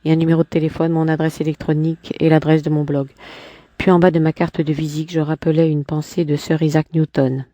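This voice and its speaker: Low, dark-voiced woman reading a novel. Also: little pitch movement, no echo. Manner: measured literary reading, restarts after slips.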